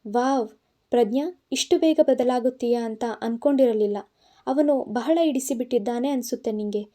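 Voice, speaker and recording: A woman's voice: fairly high pitch, moderate pace, dark tone, close to an everyday voice. A woman reading the part of an angry, protective young man in an audiobook, scolding and insistent. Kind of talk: audiobook narration.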